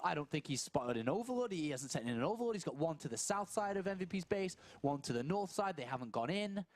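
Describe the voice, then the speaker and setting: Animated male esports caster, lively pitch. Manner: animated, thinks aloud in questions. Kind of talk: live game commentary.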